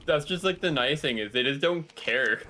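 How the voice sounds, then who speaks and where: Bright-voiced laid-back man on voice chat. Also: a little high, unhurried, slight background noise. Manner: laid-back, laughs often. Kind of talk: casual gaming chat.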